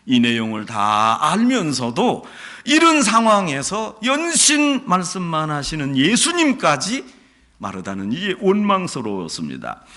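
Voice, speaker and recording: A male pastor preaching a sermon, telling stories in an animated way and acting out what people say. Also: sits high. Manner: animated storytelling, acts out quotes.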